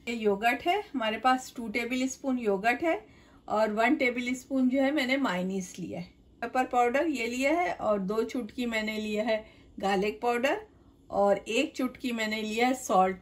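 A middle-aged woman with a fairly high voice hosts a cooking channel from her home kitchen. Speaking at normal speed, she takes viewers through a recipe step by step in a chatty, direct way.

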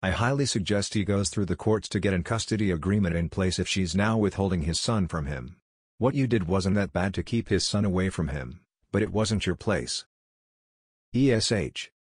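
Deep, husky male narrator reading steadily. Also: normal speed, a little mellow, no echo, clean studio sound. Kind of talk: scripted narration.

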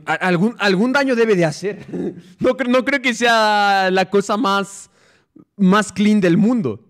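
A young man with a Mexican accent, streaming casually, full of slang and swearing, with frequent laughs and viewer stories read aloud. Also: takes it slowly. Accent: Mexican Spanish. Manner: slangy, swears freely, laughs often, reads stories in a lower flat voice. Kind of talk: casual livestream chat, reading viewer stories.

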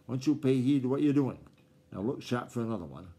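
A snappish old farmer grandfather with a rustic country twang, as a father puts him on reading aloud. His voice is mellow and low-lit rather than bright, and he scolds and hustles in a storybook scene. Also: expressive, fast, breathy edge. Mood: irritated.

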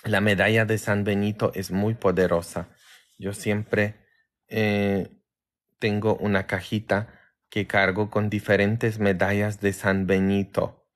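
A man from Poland with a Polish accent, a priest chatting casually with viewers on a livestream in a tired, low-key way. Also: little pitch movement, slow pace.

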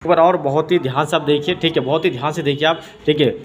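A man teaching a science demonstration lesson, explaining step by step and filling pauses with "okay" and "friends". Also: fairly high pitch, fairly even intonation, a little hiss or hum. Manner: repeats "theek hai" and "doston" often.

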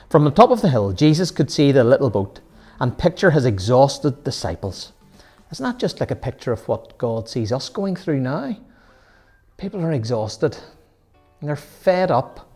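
Man, Sunday school teacher, middle pitch, chatty storytelling with questions, faint music under. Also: darkish tone. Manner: storytelling, asks the listeners questions, with asides. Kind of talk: children's Bible story talk.

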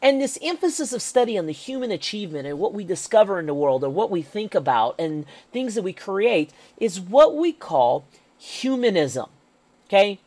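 A woman's voice: medium pitch, a little mellow, no echo. A woman teacher giving a recorded history lecture over slides, emphatic and checking in with "okay?" as she goes.

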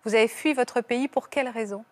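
A woman hosting a TV talk show in a studio, gently prompting and encouraging her guest. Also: fairly high pitch, a little fast.

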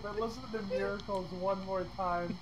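Casting: man from Michigan, lively intonation, joking gamer banter, crowd noise behind, distant mic. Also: sits high, normal speed. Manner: self-mocking, joking. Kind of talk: casual gaming banter.

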